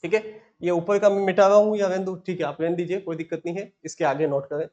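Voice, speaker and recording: A man teaching Hindi grammar, slowly dictating words and repeating each one as a question and answer. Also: sits high, fairly even intonation, a little mellow, dull audio. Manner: repetitive, asks and answers himself, slow dictation. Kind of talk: classroom lesson dictating words.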